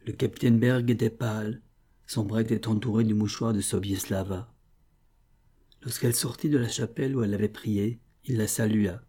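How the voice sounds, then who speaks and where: A man reading a novella as scripted narration, measured and solemn. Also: fairly low pitch, steady tone, warm tone. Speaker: audiobook reader.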